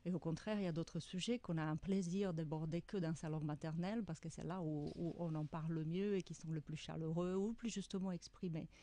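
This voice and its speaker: A middle-aged author with a Czech accent answers radio interview questions thoughtfully, often pausing as she searches for words. Her voice is low, mellow, and steady in tone.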